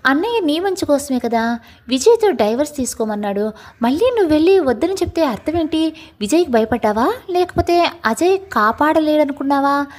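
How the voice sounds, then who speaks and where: A woman voicing a worried older father who questions his daughter gently. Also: high-pitched, lively intonation, brisk, voice pushed up. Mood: questioning.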